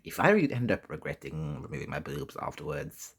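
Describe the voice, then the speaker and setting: A man talking casually and candidly in a personal vlog, halting often and swearing mildly. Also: rumbling low, big pitch swings, husky. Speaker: vlogger.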